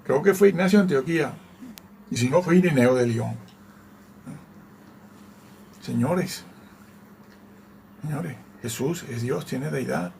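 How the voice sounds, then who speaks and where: A man's voice: a little high, takes it slowly, vocal fry, long pauses, a little mellow, slight background noise. A man giving conversational Bible teaching, reading scripture aloud and checking in with his listeners through frequent tag questions. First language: Spanish. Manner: reads scripture aloud and comments on it.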